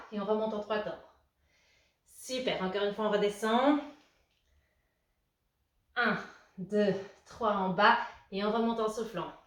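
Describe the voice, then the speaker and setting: A young woman leads a home workout, calling out breaths and counting reps with steady encouragement. Her fairly high voice comes from some way off the camera. The room has a clear echo. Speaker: fitness coach. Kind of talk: guided postpartum workout class. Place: room at home, moving around away from the camera. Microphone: camera at a distance. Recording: roomy echo, voice from a distance.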